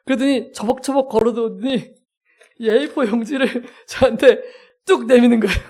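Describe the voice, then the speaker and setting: A male pastor preaching a sermon as a lively story, acting out scenes and poking fun at himself. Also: extremely high pitch, moderate pace. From South Korea. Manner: lively, self-mocking storyteller who acts out scenes.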